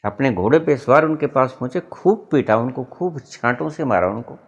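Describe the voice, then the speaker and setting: A man gives a sermon as a spiritual teacher. He tells it as a story, with a voice of ordinary pitch for a man, and mimics other voices for humor. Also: lively intonation, normal speed, husky, lo-fi sound.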